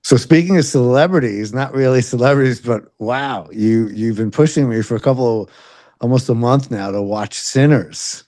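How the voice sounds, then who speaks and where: A man's voice: medium pitch, moderate pace, a little mellow. A middle-aged man with a Long Island New York accent, a father co-hosting a casual podcast chat with his son, rambling, repeating words and laughing often.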